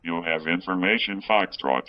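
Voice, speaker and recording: A man reading a recorded airport weather broadcast in steady, clipped aviation phraseology, heard as a playback. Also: low-pitched, moderate pace, highs cut off. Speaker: airport information broadcast reader.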